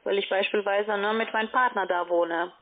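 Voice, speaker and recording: A woman with a mid-range, steady voice speaks German at a normal speed, though it isn't her first language, working formally as a financial adviser on a sales call. Her phrasing is non-native, and the phone line sounds tinny and narrowband.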